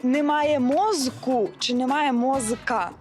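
High-voiced woman quizzing over loud music. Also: slow pace. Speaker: street interviewer. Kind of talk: asking quiz questions. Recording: loud music bed under the voice.

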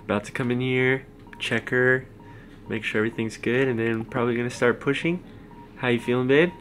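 A man's voice: medium pitch, fairly even intonation, fairly quick, fairly bright tone. A man in his twenties chatting casually as a vlogger, recorded on a handheld camera in a hospital room. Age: 20s. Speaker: vlogger, expectant father. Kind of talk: casual vlog chat. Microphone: handheld camera at arm's length.

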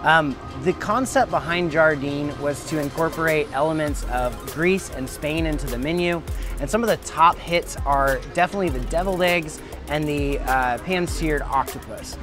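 A man's voice: a little high, moderate pace. A man in his thirties hosting a casual food vlog, chatty and enthusiastic as he describes dishes and restaurants. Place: restaurant patios and city streets. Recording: music playing behind.

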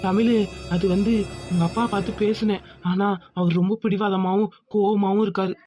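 A woman's voice: medium pitch, fairly even intonation, moderate pace, mellow, faint music behind, natural voice. A woman voicing a young village groom in a cartoon, soothing but firm and insistent. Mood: guarded. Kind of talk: cartoon voice acting.

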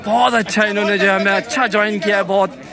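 A man giving excitable live commentary on a night street cricket match, shouting praise for good deliveries. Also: high voice, fast talker. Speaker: vlogger doing live commentary. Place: outdoor floodlit street cricket ground at night. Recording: noisy crowd around a phone mic.

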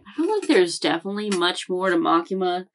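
Very animated and brisk, with a fairly low voice, a young woman runs through a casual recap for her anime reaction channel. She's at home, rambling, with frequent fillers and self-corrections.

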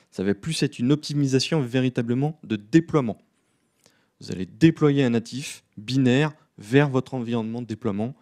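A man giving a live coding talk at a conference, relaxed and self-deprecating, with many fillers. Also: medium pitch. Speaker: conference speaker. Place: conference room.

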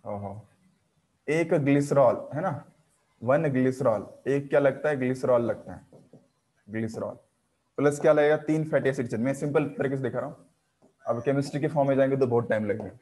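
A man teaching a live online biology class, quizzing his students with quick questions. He mixes English terms into his talk, repeats key words and keeps a teasing, encouraging manner. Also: medium pitch, a little mellow.

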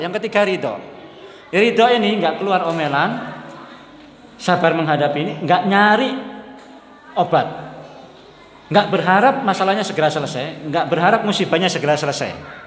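Preacher in echoey hall. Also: male voice, sits high, a bit bright. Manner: conversational, repeats points, mixes in Javanese words. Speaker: Islamic preacher. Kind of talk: sermon. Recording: echoey hall, faint ambience.

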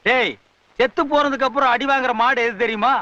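A boastful village drummer lectures and taunts in a high, bright, pompous voice. The sound is a dull, dry old film soundtrack, with no room around it. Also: male voice, steady tone, a little fast, dry recording. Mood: mocking. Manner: pompous, scolding, sarcastic. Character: boastful middle-aged male drummer, bossy and scolding. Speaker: temple drum player. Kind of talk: 1980s-90s Tamil film comedy dialogue.

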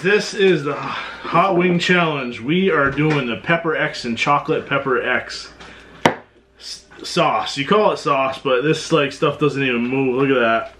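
A man's voice: fairly high pitch, a bit bright, a little hiss or hum. A man co-hosting a casual food-challenge vlog, talking in a chatty way full of "like" and laughing between words. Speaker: co-host.

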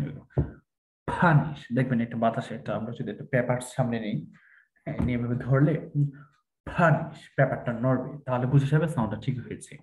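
A man's voice: medium pitch, darkish tone, reverberant, lo-fi sound. A man teaching English pronunciation online, repeating each word aloud and mixing English into his explanations.

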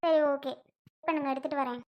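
A woman playing a young wife who talks softly and politely to her husband, in a family drama skit. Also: high voice, steady tone, fairly quick, muffled recording, lightly acted. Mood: gentle. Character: young wife, gentle and dutiful.

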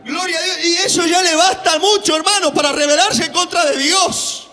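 Fiery high-voiced preacher. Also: male voice, steady tone, moderate pace, in a large hall, a faint crowd. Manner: fiery, shouting, peppered with hallelujahs. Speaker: evangelist preacher. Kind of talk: sermon.

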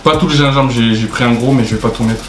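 A man's voice: mid-range voice, quick pace. Young man cooking in an echoey kitchen. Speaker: co-host of a home cooking video. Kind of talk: casual cooking chat with instructions to camera. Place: small tiled home kitchen, indoors. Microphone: camera at about arm's length or further. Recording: echoey kitchen, music and frying behind.

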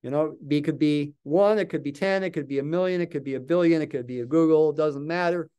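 Writing as he goes, an older math lecturer records a calculus lesson, explaining step by step and thinking aloud. His voice is a little high for a man but mellow and smooth, and he talks fast into a desk mic in a small office.

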